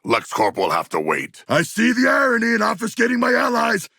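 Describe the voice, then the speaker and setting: A man voicing a hulking shark-man in a video game, gravelly, formal and articulate, earnest yet bloodthirsty, with stilted deadpan phrasing. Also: very high voice, a little fast, no room sound, clean studio sound, exaggerated voice. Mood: battle-ready, forceful.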